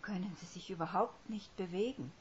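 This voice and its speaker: A woman's voice: on the low side, fairly even intonation, normal speed, a little hiss or hum, pitched above the performer's own voice, lightly acted. A woman doing an earnest, tearful young witch. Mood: dismayed whisper. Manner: earnest, by turns hushed and fervent. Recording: dull lo-fi recording.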